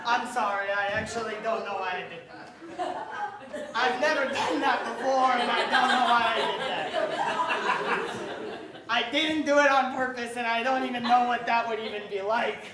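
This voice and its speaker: A woman playing a brash, sleazy male game show host in a live sketch on a theater stage, loud and rambling and out of breath. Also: on the high side, moderate pace, over a noisy crowd, pitched below the performer's own voice, natural voice. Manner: loud, rambling, breaks into laughter. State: winded. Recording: roomy theater sound.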